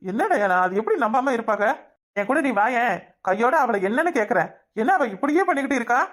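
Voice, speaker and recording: In a cartoon, a woman speaking a southern Tamil Nadu village dialect voices a middle-aged village husband who first coaxes and then turns indignant. Her voice is a little high and close to everyday speech, fast, with lively intonation and a coaxing mood.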